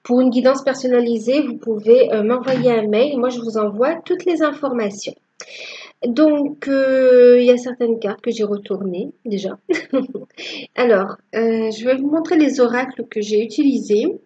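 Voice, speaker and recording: A woman giving a tarot reading to her viewers, with a halting delivery that repeats phrases. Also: fairly high pitch, mellow, dull audio. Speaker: tarot reader.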